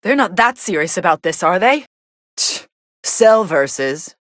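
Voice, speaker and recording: Fighting game role: sardonic young android woman, lowish pitch, dry studio sound, dismissive commentary. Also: a little slow, no echo. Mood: cool, detached. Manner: deadpan, dismissive.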